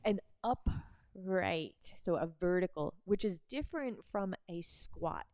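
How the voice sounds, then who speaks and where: A woman instructor explaining barre moves and cueing a demonstrator, encouraging and quick to laugh. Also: fairly low pitch, lively intonation, darkish tone, no room sound.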